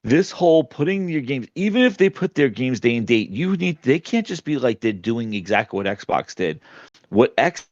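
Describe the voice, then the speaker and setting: A heated man talks gaming into his headset, emphatic and ranting. The line is a muffled, dry online call, and his voice keeps cutting out on a bad connection. His pitch sits in a middle range. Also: sing-song, moderate pace, no echo. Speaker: gaming podcaster.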